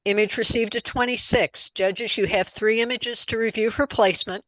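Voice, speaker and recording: A woman moderating a camera club competition, calling judges and announcing scores in a brisk, businesslike way. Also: a little high, fairly even intonation, no room sound, rough recording.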